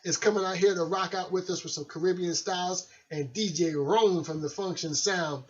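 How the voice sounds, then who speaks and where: A man hosts and DJs a radio show, chatting in a friendly, loose, casual way. His voice is high and his pace moderate, and the recording sounds dull and lo-fi.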